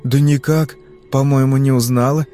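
A man's voice: medium pitch, fairly even intonation, normal speed, dark tone, faint music behind, close to an everyday voice. A man voicing a nervous, fussy middle-aged businessman worried about his daughter.

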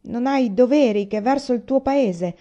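A woman's voice: medium pitch, normal speed, warm tone, highs cut off, lightly acted. A woman reading the part of a stern young man who firmly urges his brother home, in an audiobook reading. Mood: urgent. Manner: firm, urgent, commanding.

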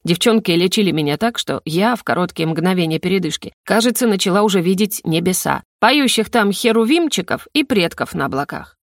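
Gravelly woman narrating an audiobook. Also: fairly low pitch, lively intonation, fairly quick, hardly any pauses, no echo, studio quality. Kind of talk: first-person fantasy audiobook narration.

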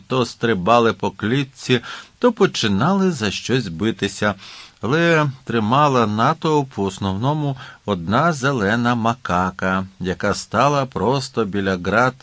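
A man narrating an audiobook in a lively, expressive reading voice. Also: fairly low pitch, dry recording. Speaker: audiobook reader.

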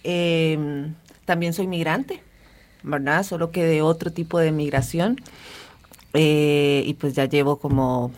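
Radio guest, woman from Honduras, deep and slow, gentle and hesitant. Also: steady tone. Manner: soft-spoken and unhurried, many fillers. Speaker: guest, refugee support worker. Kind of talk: radio interview.

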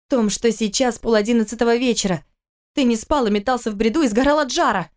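A woman reading a story aloud, voicing a worried, sarcastic wife and mother who scolds quickly and sharply in a raised voice. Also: on the high side, voice pushed up, lightly acted. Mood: scolding.

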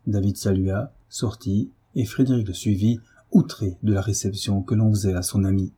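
A man narrating a classic novel as an audiobook in a measured, literary way. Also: lowish voice, fairly even intonation, warm tone, breathy edge.

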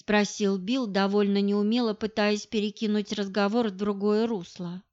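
A woman narrating a first-person detective audiobook in an expressive, wry manner. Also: medium pitch, normal speed, dull audio.

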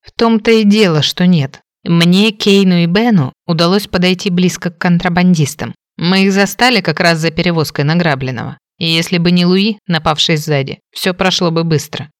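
A bedridden young man played by a woman reader rasps out his story in a hoarse, tired voice, stopping now and then as he talks. The audiobook sound is dry and close. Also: fairly low pitch, no echo, natural voice. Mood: weary. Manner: weary, halting storytelling. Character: wounded young man, weak and bedridden brother. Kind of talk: audiobook character voice.

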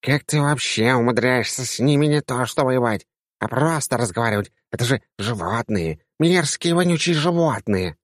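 A man's voice: medium pitch, animated, moderate pace, dry recording, clean studio sound, pitched above the performer's own voice, close to an everyday voice. A man voicing a haughty bald male cat-alien envoy in an audiobook, sneering and indignant, stretching out his words. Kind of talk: audiobook character voice.

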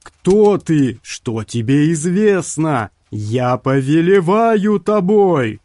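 A man's voice: a little high, animated, extremely slow, dry recording, studio quality, voice pushed up. A man voicing a raging warlock. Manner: commanding, shouted, drawn out. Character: sinister male warlock summoning a worm.

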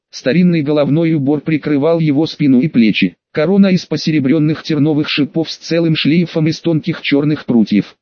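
A man with a slightly high voice reads a fantasy audiobook in a steady storytelling manner. The recording is close and dry, with a dull, muffled top end. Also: no room sound. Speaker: audiobook narrator. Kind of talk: scripted narration.

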